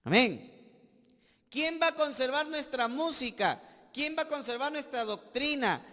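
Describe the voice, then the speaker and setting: A Peruvian man preaching from the pulpit in a strikingly high voice. He drives his points with rhetorical questions and sudden loud bursts. The sanctuary gives him a long, ringing reverb. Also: animated, a little slow. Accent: Peruvian Spanish. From Peru. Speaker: pastor. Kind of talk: sermon. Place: church sanctuary.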